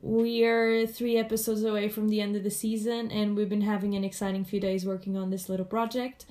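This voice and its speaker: A woman's voice: mid-range voice, little pitch movement, a little fast, warm tone. A woman with a head cold hosting a casual podcast chat. She sounds a little stuffy and nasal, and she talks in a chatty way with frequent laughs. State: congested from a cold. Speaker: podcast host.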